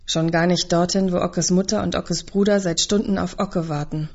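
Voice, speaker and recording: A woman with a fairly low voice reads a literary novel in the first person. Her delivery is measured, subdued and introspective. The recording sounds a little dull and lo-fi. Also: fairly even intonation, darkish tone. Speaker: audiobook narrator.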